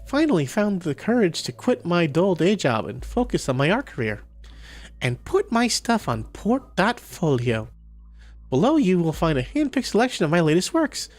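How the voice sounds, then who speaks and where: A man putting on a high falsetto voice for a bubbly, self-absorbed young woman artist, reading game text aloud. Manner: gushing, boastful, sing-song falsetto.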